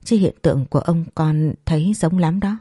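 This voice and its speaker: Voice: mid-range voice, moderate pace, warm tone, dry recording, studio quality, natural voice. The narrator voicing a chatty, superstitious housemaid who talks eagerly and persuasively.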